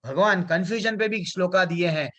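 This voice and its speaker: A man's voice: high voice, brisk, fairly bright tone. A man teaching a devotional scripture class, chanting Sanskrit verses and explaining them in chatty, English-mixed speech with many fillers. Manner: conversational, many fillers and restarts. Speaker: spiritual teacher.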